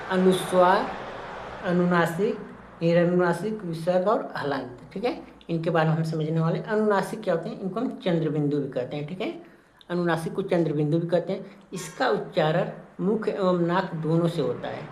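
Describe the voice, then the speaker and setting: A man's voice: high voice, normal speed, darkish tone, a little hiss or hum. A man teaching an exam-prep lesson, explaining step by step and repeating key points with frequent check-ins. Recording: roomy echo.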